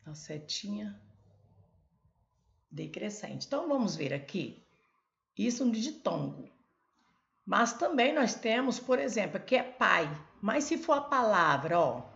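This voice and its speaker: A woman's voice: mid-range voice, gravelly, highs cut off. A woman teaching a Portuguese grammar lesson at a board, explaining step by step and pointing things out as she goes. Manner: explains step by step, many "olha" and "ó" prompts.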